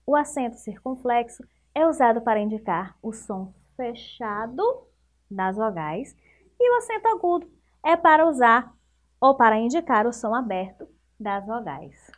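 A woman's voice: a little high, expressive, unhurried. A Brazilian woman teaching a recorded lesson to young children, patient and encouraging, stretching out each example word. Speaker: primary school teacher.

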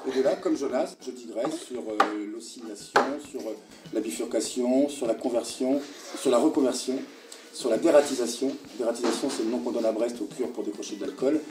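A man talking playfully and quickly in an interview, repeating words for comic effect. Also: medium pitch, very noisy. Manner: rapid, playful, repetitive. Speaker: performer interviewee. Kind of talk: casual interview. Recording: roomy, distant mic over music.

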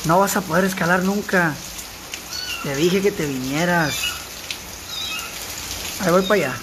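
A man's voice: sits high, a little slow, background noise. Sinaloan man joking crudely to stray cats. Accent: Sinaloan Mexican Spanish. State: sore throat. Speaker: comedian vlogging at home. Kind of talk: casual vlog chat. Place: house at home during rain.

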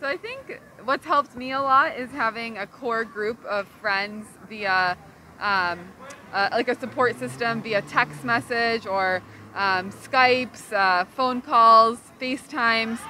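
A young woman with a bright, slightly high voice, casual and upbeat as she answers. She speaks outdoors on a street with faint street noise behind her. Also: slow. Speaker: passerby. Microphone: handheld mic.

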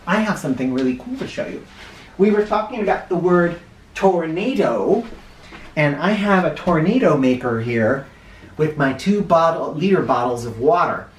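A middle-aged American man, his voice on the high side, reads a children's picture book and hosts with asides between passages. He is expressive and dramatic, emphasizing words deliberately. The recording, made indoors in a small living room, sounds roomy and echoey.

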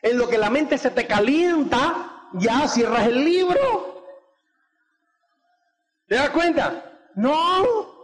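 High-voiced man preaching in a reverberant hall. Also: very animated, drawn-out words, long pauses. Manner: peppers speech with tag questions like "do you get it?"; acts out quoted dialogue. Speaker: motivational speaker. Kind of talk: motivational talk to an audience.

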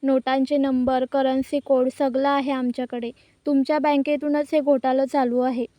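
A woman voicing a confident male lawyer who speaks firmly, in her own high voice. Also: little pitch movement, moderate pace, mellow, no echo, natural voice.

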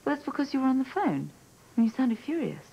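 A woman's voice: high-pitched, very animated, fast, gravelly, mellow, dull audio, slight background noise, exaggerated voice. A woman acting in a daytime soap opera as a detective and wife who keeps asking probing, insistent questions.

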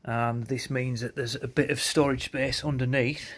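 In a loose, unscripted walkaround of a product, this man speaks at a moderate pace with a medium pitch and an even tone, plainly and with a touch of hesitation. The background is noisy, since the clip was captured on a handheld phone behind the camera in an outdoor concrete yard near outbuildings.

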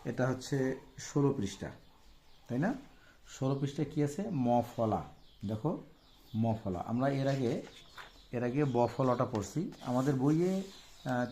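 A man with a Bangladeshi accent leads a primary-school reading lesson, breaking each word into its letters and checking in with the class as he goes. His voice is mellow and warm rather than bright, pitched at an ordinary middle for a man. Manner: patient, spells words out letter by letter, often asks "right?". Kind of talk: online reading lesson for children.

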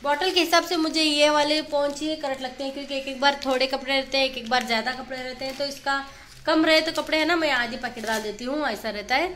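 A woman's voice: high voice, steady tone, quick pace, fairly bright tone, a little hiss or hum. A woman in her thirties filming a casual home vlog in a small kitchen with a phone at arm's length, chatting in a homely, rambling way. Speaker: vlogger, mother. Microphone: phone held at arm's length.

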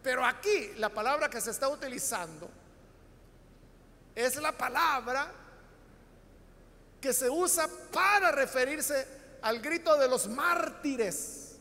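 A man's voice: very high voice, expressive, slow pace, pauses often, pushed and bright, big-room sound. A man with a Salvadoran accent, preaching a Bible study sermon and explaining the text to his congregation with frequent rhetorical questions. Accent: Salvadoran Spanish. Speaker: pastor.

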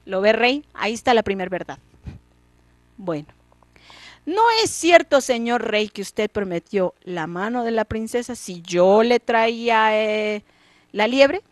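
A woman's voice: a little high, expressive, unhurried, no echo. A Mexican woman voicing a clever, cheeky young peasant man in a folk tale, speaking boldly and teasingly. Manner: bold, teasing and sure of himself.

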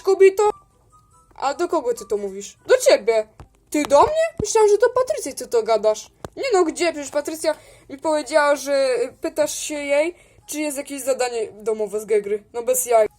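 A woman improvising a toy role-play, switching between several chatty schoolgirl characters and often raising her pitch and volume. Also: darkish tone.

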